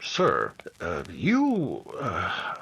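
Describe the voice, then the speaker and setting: A man playing a dutiful, deferential Mountie sergeant in a 1950s-style radio drama, husky and hesitant before his superior. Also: sits low, huge pitch swings, extremely slow, fairly bright tone, heavily acted. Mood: uneasy, respectful.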